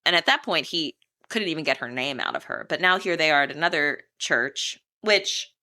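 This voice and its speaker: A woman co-hosts a casual podcast, recapping a film with lots of energy. Her voice sits a little low but rings bright and forceful. She keeps slipping into quick voices for the characters as she retells scenes. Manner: animated, acts out characters' lines in quick voices. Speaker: podcast co-host.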